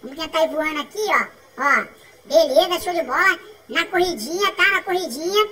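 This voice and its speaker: A woman with a Brazilian Portuguese accent giving excitable, chatty commentary on a mobile game, repeating herself and breaking into laughs and shouts. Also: very high-pitched, normal speed, recorded from a distance. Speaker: gaming channel host.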